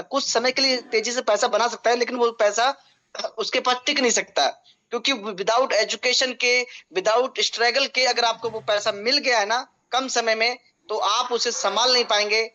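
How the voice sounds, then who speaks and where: A man hosting an online meeting, speaking in a measured way with hesitant fillers. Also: sits high, bright, forceful tone, dull audio. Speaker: meeting host.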